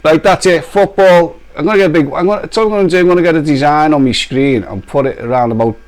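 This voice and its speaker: A man's voice: a little high, fast, darkish tone. A man hosting a casual live stream, joking, teasing and laughing often.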